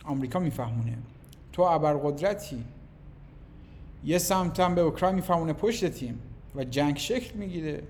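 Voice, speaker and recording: A man giving a motivational talk, full of rhetorical questions, swinging between loud emphasis and quiet asides. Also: a little high, lively intonation, long pauses, slight background noise. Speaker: motivational speaker.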